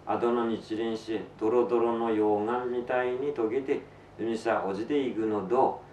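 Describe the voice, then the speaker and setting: A man reciting a story theatrically in thick Tsugaru dialect, with drawn-out phrases and raised cries. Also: medium pitch, darkish tone. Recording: roomy, distant, noisy live recording.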